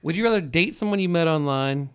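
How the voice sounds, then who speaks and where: A man's voice: on the high side, expressive, fast, fairly bright tone, clean tone. A man co-hosting a podcast with casual, slangy, sweary banter. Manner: profane, slangy.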